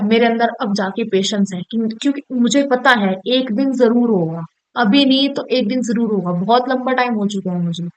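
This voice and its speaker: Clear-voiced young woman giving pep talk. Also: a little high, poor audio. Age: young adult. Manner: direct, coaxing, repeatedly checking understanding. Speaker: student YouTuber giving career advice. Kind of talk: casual motivational talk to camera.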